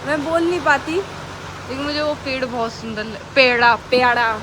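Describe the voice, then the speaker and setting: In a noisy phone clip with rain behind her, a shelter-running animal rescuer chats with viewers at a normal pace. Her voice is high, and she speaks with care so the words come out cleanly.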